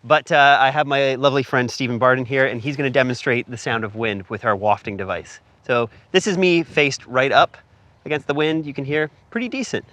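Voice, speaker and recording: Bright-voiced Canadian man hosting a tutorial. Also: medium pitch, a little fast. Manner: upbeat, jokey, asks questions. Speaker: filmmaking tutorial host. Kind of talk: casual instructional chat. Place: outdoors in cold wind, then indoors. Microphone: lavalier hidden in shirt.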